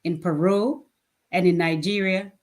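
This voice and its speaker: A woman's voice: lowish voice, steady tone, a little slow, darkish tone. A woman in her fifties, a nonprofit founder, answering interview questions in an earnest, plain-spoken way and laughing easily. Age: 50s.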